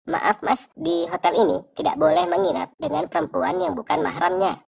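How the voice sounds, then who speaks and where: A woman's voice: high voice, big pitch swings, normal speed, vocal fry, darkish tone, voice pushed up, full character voice. A woman voicing a prim hotel receptionist who questions a guest politely but suspiciously. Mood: probing.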